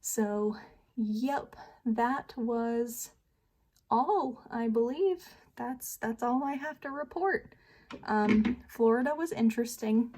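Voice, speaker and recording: A woman's voice: a little high, takes it slowly, a little mellow. A young American woman vlogging at home, telling a story in a chatty, self-deprecating way with frequent laughs while she does her makeup. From United States. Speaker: beauty vlogger.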